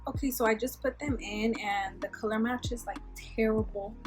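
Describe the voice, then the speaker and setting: A woman's voice: fairly high pitch, steady tone, normal speed, music in the background. A young woman vlogger doing a casual product review, chatty and frustrated, fills her talk with "like" and swears when annoyed. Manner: frustrated and irritated. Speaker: beauty vlogger.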